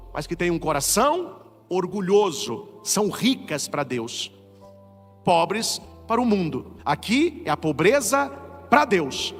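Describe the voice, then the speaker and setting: Lively high-voiced Brazilian priest preaching. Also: male voice, big-room sound. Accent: Brazilian Portuguese. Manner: animated preaching with rhetorical questions. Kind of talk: sermon.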